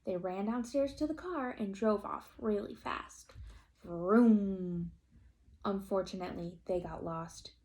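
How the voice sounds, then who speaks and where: A woman reading a picture book aloud to children like a teacher, stopping to ask the listeners questions and have them make predictions. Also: medium pitch. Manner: slow and expressive, asking children questions. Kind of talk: children's read-aloud storytime.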